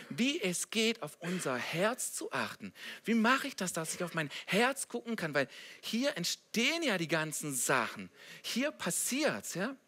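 Bright-voiced, lively male preacher. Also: a little high. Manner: lively, conversational preaching with rhetorical questions. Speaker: pastor. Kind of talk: sermon.

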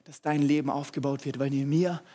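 High-voiced energetic preacher man. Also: fast talker. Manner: energetic, humorous, addresses audience directly. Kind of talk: sermon.

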